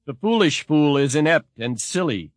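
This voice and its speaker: A man giving a measured, expressive scripted narration as a narrator. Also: fairly high pitch, no room sound.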